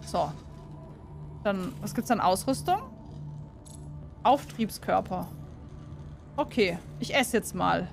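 A woman commentating a video game in casual, excitable chat and talking to her community. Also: medium pitch, slow pace, creaky, pauses often. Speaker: gaming YouTuber. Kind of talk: casual let's play commentary. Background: game music.

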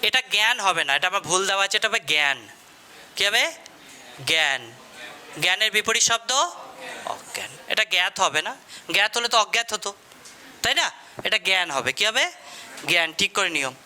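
A man's voice: high-pitched, lively intonation, normal speed, long pauses, sharp tone. A man teaching a classroom lesson in a Bengali accent, quizzing students and repeating their answers back.

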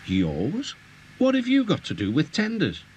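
A man's voice: fairly high pitch, wildly swooping pitch, a little slow, darkish tone, a little hiss or hum, voice pushed up. A man voicing a grumbling, greedy male engine who talks in a complaining, eager way.

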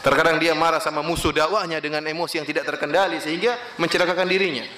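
Bright-voiced male preacher in echoey room. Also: fairly even intonation, fast talker. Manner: emphatic, with wide swings in pitch and Arabic quotations. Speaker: Islamic preacher. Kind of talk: sermon.

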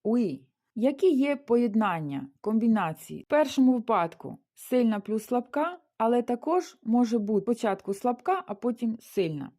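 A woman's voice: on the high side, sing-song, normal speed, hardly any pauses, mellow. A woman teaching a beginners' language lesson, explaining rules with everyday comparisons and rhetorical questions. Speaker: Spanish teacher.

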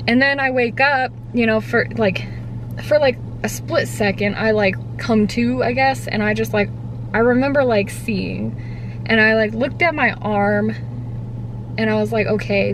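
A woman in her twenties vlogs from inside a parked car, her cheeks a little puffy after having her wisdom teeth out. She chats casually in a mid-range voice, halting and full of fillers, often trailing off. The camera or phone sits at arm's length on the dashboard, and the car's background hum is clearly audible.

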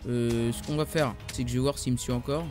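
A man's voice: mid-range voice, a little fast. A man with a French accent commentating his own gameplay, trash-talking opponents and talking to his viewers. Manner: trash-talking, excitable, calls viewers "les gars". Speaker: gaming YouTuber. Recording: music playing behind the voice.

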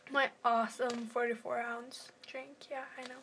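A teenage girl with a fairly high voice rambles to her phone camera at home, filling her talk with "like" and "I don't know". She often drops into a soft half-whisper when she puts herself down. A faint hum of room noise sits behind her. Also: level tone, normal speed. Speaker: first-time vlogger.

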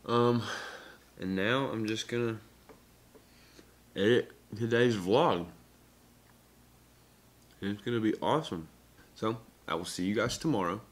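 This young adult vlogger speaks a little slowly, leaving long pauses, in a lowish voice. Chatting casually to a camera on a table or at arm's length, he stays upbeat and slangy with short, punchy phrases.

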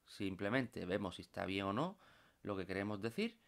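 "¿Vale?" punctuates the patient explanations of this computer course instructor from Spain as he screen-records a software tutorial. His fairly low voice swings widely in pitch, has vocal fry and moves at a normal speed.

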